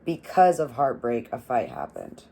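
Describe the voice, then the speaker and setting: A young adult woman giving a casual tarot reading, swearing freely, laughing often and rambling in an animated way. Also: extremely low pitch, normal speed, creaky, breathy edge. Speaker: tarot reader.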